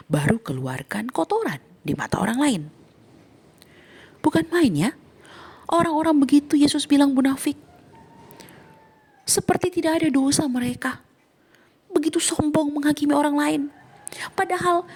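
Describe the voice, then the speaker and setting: Husky woman pastor preaching emphatically. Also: fairly high pitch. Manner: emphatic preaching with sudden soft whispered asides. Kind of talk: sermon.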